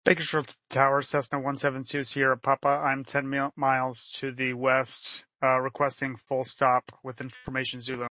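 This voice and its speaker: A man's voice: medium pitch, completely flat delivery, moderate pace, few pauses, bright, forceful tone, no room sound, dull audio. A man pilot making hesitant, polite calls to air traffic control over an aircraft radio, with many fillers. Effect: heard over an aircraft radio.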